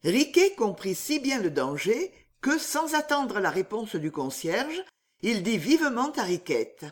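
A woman narrating a literary story, expressive and measured. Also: on the high side.

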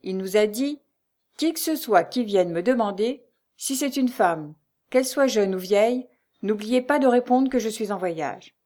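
A woman's voice: medium pitch, animated, a little slow, mellow, pitched above the performer's own voice, lightly acted. A woman voicing a chatty, scatterbrained concierge's wife in a storybook.

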